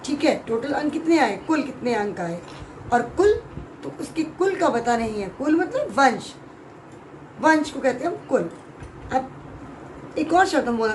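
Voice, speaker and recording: A woman teacher with a high voice explains a lesson to children at an unhurried pace. She draws out each sound and pauses often to check whether they follow. A faint hiss sits under the recording. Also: rough recording. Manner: drawn-out sounds, frequent check-in questions. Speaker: Hindi teacher. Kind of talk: slow, clear classroom explanation to children.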